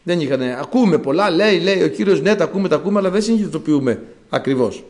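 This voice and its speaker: A man preaching a sermon, telling a story and shifting between loud exclamations and soft asides. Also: a little high, lively intonation.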